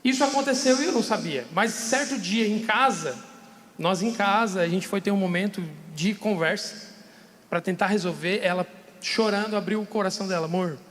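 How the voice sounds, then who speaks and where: High-voiced man in a reverberant studio. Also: moderate pace, a bit bright. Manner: candid, emotional storytelling with laughter. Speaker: podcast guest sharing testimony. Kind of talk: casual testimony. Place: radio studio.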